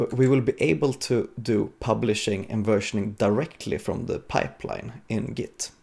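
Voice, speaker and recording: A lowish male voice with vocal fry and a slightly mellow quality belongs to a software developer at a conference. In this casual technical presentation he codes live, talking through his thinking with a bit of hesitation.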